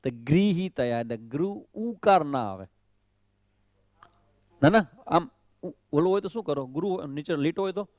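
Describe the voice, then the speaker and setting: A man leading a pronunciation class, his voice sitting a little above the usual male range. He speaks very slowly and repeats each syllable, questioning students as he corrects them. The room is dry, with no echo around his voice. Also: on the high side, expressive, darkish tone. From Kutch, Gujarat. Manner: mixes in English phrases. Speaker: swami teaching Gita recitation.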